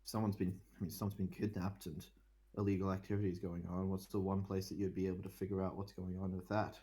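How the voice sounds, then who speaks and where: A man's voice: low voice, completely flat delivery, fast, warm tone. A man running a tabletop game as game master, teasing his players between calls for dice rolls. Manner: teasing, laughing banter.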